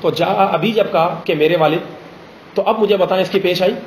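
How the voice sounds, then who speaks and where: A man teaching a grammar lesson in a classroom, pausing often to ask students questions and slowing down on examples. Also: sits high, slight background noise. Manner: drills students with frequent check questions; slows down to spell out example phrases. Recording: roomy classroom echo.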